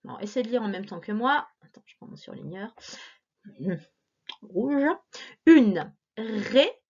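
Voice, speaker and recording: A woman's voice: mid-range voice, lively intonation, moderate pace, gravelly. A woman teacher giving a remote reading lesson to young children, sounding out words syllable by syllable in a patient, encouraging way. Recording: dull lo-fi recording.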